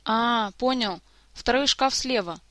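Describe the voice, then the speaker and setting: A man's voice: extremely high pitch, slow pace, sharp tone, dry recording, full character voice. A woman voicing a tearful, sulky young male prince in an audiobook story, sobbing as he talks. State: crying, sobbing.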